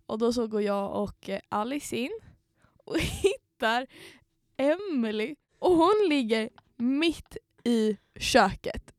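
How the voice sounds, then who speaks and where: A woman's voice: on the high side, dry recording, clean studio sound. A woman co-hosting a podcast, telling stories in casual chat and acting out what people said. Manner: lively storyteller, acts out what people said. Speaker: podcast co-host.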